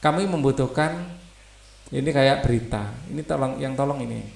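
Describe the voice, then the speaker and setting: A man's voice: medium pitch, moderate pace, creaky, echoey room. A male teacher, reading textbook passages aloud and explaining them in loose asides.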